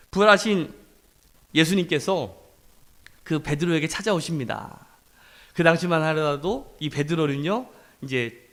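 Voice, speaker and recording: High-pitched pastor preaching with animated delivery. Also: male voice. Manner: lively, conversational preaching with acted quotes. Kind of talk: sermon.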